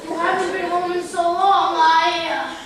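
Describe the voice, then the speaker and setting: A woman's voice: very high-pitched, flat delivery, measured pace, a crowd in the background. A woman playing a poor Victorian clerk and father, brusque, flustered and theatrical. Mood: bewildered. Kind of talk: theatrical stage comedy acting. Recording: very echoey, distant stage recording.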